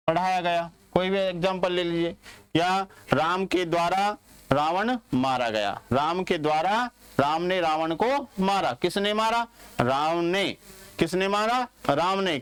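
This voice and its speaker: Slow, repetitive male teacher. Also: high-pitched, fairly bright tone, clear, resonant tone, dry recording. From India. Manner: asks questions and answers them himself, repeats words slowly. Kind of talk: classroom grammar lesson.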